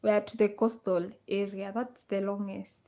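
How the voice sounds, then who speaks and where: A woman's voice: medium pitch, little pitch movement, normal speed, warm tone, a little hiss or hum. A woman from Kenya hosting a casual livestream, reading out viewer comments and repeating her questions to the audience. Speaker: livestream host. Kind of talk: casual live chat with viewers.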